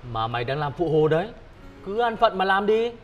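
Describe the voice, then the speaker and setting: Brief: man as a dry, teasing wealthy friend, fairly high voice. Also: big pitch swings, a little fast, muffled recording, faint music behind. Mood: mocking.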